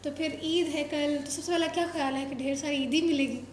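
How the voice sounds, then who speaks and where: A woman's voice: sits high, steady tone, fairly quick, slight background noise. A woman from Pakistan hosting a show, chatting with children in a playful, coaxing way and teasing them with questions. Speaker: show host interviewing children. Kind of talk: casual chat with children. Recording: roomy echo.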